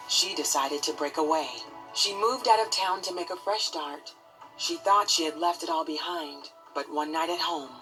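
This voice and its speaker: A woman narrates a scripted documentary in a measured, composed delivery. Her voice sits a little low. A clear music bed plays underneath. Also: low-quality recording.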